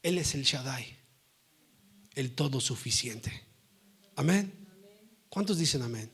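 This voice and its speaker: A male pastor preaching a lively sermon in church, often calling on the congregation to say amen. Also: medium pitch, takes it slowly.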